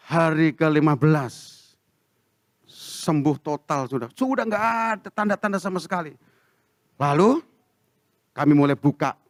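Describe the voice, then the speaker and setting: Male pastor with an Indonesian accent, high and very lively voice, dry close sound, acts out the dialogue. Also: dry recording. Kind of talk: sermon storytelling. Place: church.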